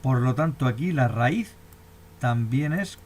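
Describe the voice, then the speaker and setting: A man's voice: medium pitch, expressive, takes it slowly, a little mellow, slight background noise. A man with a Spanish accent explaining a grammar lesson step by step, often asking if the class has understood. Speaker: teacher. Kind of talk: recorded lecture.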